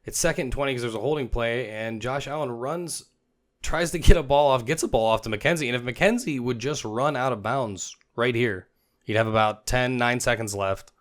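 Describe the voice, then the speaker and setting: A young man narrating football clips as a comic voice-over host, joking and dropping into quick silly voices for the players. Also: mid-range voice. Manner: jokey, puts on players' voices in quick asides.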